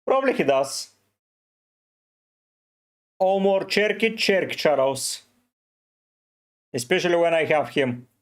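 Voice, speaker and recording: A man from Bulgaria with a Bulgarian accent, live streaming and slowly answering viewers' questions one by one. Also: a little high, lively intonation. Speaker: fantasy football streamer. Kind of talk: live stream chat, reading comments.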